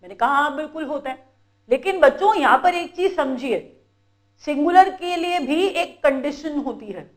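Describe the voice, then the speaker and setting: A woman teacher with an Indian accent giving an exam-prep grammar lecture, explaining slowly and repeating key points to her students. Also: high-pitched, expressive. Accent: Indian English.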